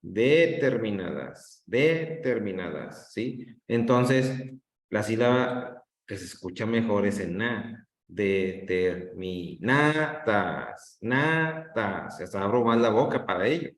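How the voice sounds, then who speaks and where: A man teaching an online class, drawing out words to show the stressed syllable and often checking in with "¿sí?". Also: lowish voice. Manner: drawn-out demonstrations of stress, frequent checks with "¿sí?". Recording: roomy echo.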